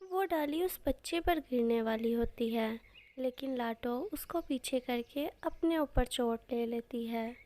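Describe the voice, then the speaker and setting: A woman's voice: on the high side, measured pace, warm tone. A woman narrating a children's cartoon story in a plain storytelling manner.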